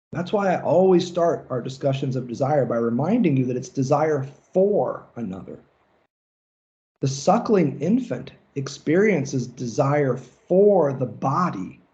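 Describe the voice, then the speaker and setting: A man's voice: medium pitch, warm tone, highs cut off. A man giving a recorded lecture on psychoanalysis in a casual, conversational way, with loose asides and the odd swear word. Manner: casual, conversational, profane, fillers like "like".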